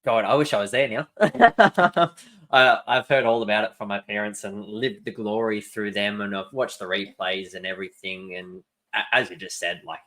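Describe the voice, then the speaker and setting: A man's voice: fairly low pitch, pushed and bright. A young man, co-hosting a sports podcast in an enthusiastic, joking way. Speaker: podcast co-host. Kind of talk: casual podcast chat.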